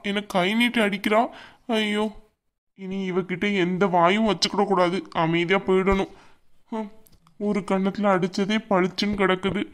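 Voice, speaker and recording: A woman's voice: mid-range voice, close to an everyday voice. A woman voicing a young husband in a cartoon who blusters and threatens his wife. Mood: grumbling. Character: bullying young husband, now cowed. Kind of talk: cartoon voice acting.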